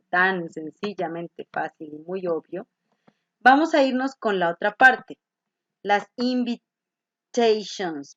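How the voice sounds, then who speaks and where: A woman's voice: mid-range voice, sharp tone, dry recording, lo-fi sound. A woman teacher explaining grammar to a class, patiently checking in with her students as she goes. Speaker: English teacher.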